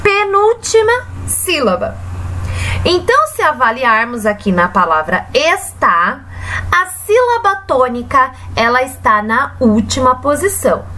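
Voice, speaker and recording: A woman teacher with a Brazilian Portuguese accent giving a recorded grammar lesson to children, talking slowly in a sing-song way and drawing out the example words. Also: on the high side, bright, forceful tone.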